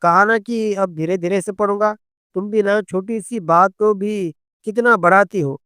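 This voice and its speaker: Guy doing a wheedling husband in a story, highish clear voice, dry sound. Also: fairly even intonation, normal speed, pushed and bright, no room sound. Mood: coaxing. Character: teasing, coaxing husband, adult man.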